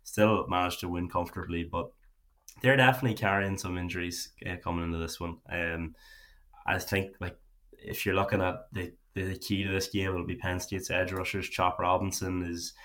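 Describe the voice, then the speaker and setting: A man's voice: deep voice, steady tone, normal speed, a bit bright. An Irish man giving casual sports analysis on a podcast.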